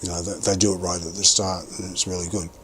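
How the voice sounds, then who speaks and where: A man with a fairly low voice talks casually over a livestreamed game, musing aloud and circling back on his words. He chews gum as he goes, and a faint hiss sits under the recording. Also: flat delivery, fast, fairly bright tone. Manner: rambling, thinking aloud with many restarts; chewing gum while talking. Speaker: game streamer. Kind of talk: casual gameplay commentary.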